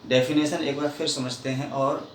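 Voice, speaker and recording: A male teacher giving a lesson to young children, speaking slowly and deliberately and repeating each definition. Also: mid-range voice, level tone. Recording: echoey room, distant mic, faint hiss.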